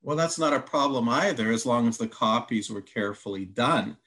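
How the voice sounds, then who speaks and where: This Hungarian-born Bible teacher has a medium-pitched, fairly bright voice with fairly even intonation and a normal speed. He works through a teaching conversation methodically, reading lengthy quotations and numbering his points as he answers.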